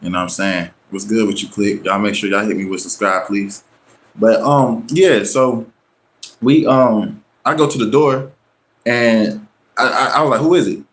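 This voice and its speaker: A man hosting his own show, telling a personal story in loose, slangy casual talk. He acts out the people he quotes with sudden jumps in pitch. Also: fairly even intonation, unhurried, a bit bright. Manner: slangy, loose, full of "you know what I'm saying". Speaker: show host.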